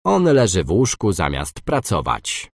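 A man reading short example phrases slowly and clearly for a language course, giving both masculine and feminine forms. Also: low-pitched, wildly swooping pitch, dry recording, clean studio sound.

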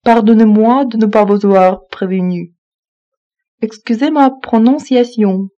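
A woman slowly reading French phrasebook lines, saying each one twice in an even manner. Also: a little high, muffled recording. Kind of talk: slow repeated phrasebook reading.

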